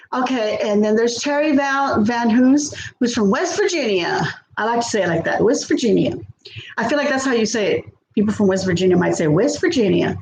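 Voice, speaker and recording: On her cooking livestream, a fifty-something woman from South Texas speaks with a Texan accent in a slightly high, slightly mellow voice. Her home kitchen echoes, and the poor recording carries a little hiss or hum. She rambles amiably, laughing a lot and letting sentences trail off.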